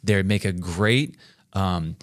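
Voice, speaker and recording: A man's voice: low voice, slow, no echo, clean studio sound. A man in his forties co-hosting a faith-based leadership podcast, emphatic and speaking directly to listeners. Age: 40s. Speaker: podcast co-host.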